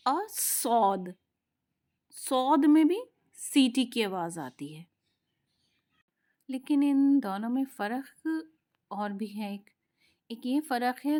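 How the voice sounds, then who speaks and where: A woman teaching tajweed, patiently explaining letter sounds and drawing them out in slow practice drills. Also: a little high, a little mellow. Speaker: Quran recitation teacher. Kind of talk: tajweed lesson.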